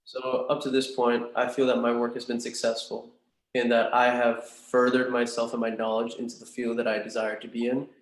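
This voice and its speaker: A man's voice: medium pitch, completely flat delivery, moderate pace. A man in his twenties giving polite, earnest, somewhat hesitant interview-style talk, with the big echo of a large room in a house. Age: 20s. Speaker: student in a practice job interview. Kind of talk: earnest, formal interview answers.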